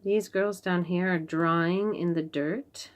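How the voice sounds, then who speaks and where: For an audience of young children, a woman expressively reads a storybook at a deliberate pace, emphasizing important phrases. Her pitch is fairly low.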